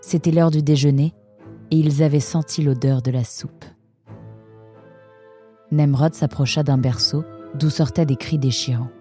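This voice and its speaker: A man narrating a storybook in a measured, steady way. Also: fairly high pitch, faint music behind. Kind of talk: storybook reading.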